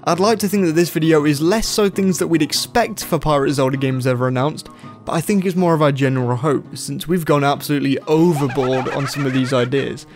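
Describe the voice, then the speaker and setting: A man's voice: on the high side, fairly quick, darkish tone. A man hosting a podcast in an enthusiastic, earnest scripted delivery. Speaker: podcast host. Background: faint background music.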